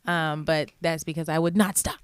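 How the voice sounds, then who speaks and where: A woman's voice: low-pitched, fairly even intonation, moderate pace, smooth, no echo. A young woman, a singer chatting as a guest in a bubbly, talkative way with frequent laughter. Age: 20s. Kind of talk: casual chat.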